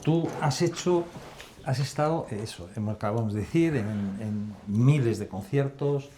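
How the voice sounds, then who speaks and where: A man's voice: mid-range voice, lively intonation, moderate pace, warm tone, slight background noise. A man hosting a casual interview, asking questions and offering brief affirmations while his guest talks. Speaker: host.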